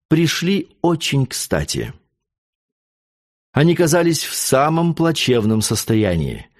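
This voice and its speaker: A male reader narrating a classic novel. His delivery is measured and expressive, with a lively, rising and falling pitch at a middle register. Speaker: audiobook reader. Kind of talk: reading a classic novel aloud.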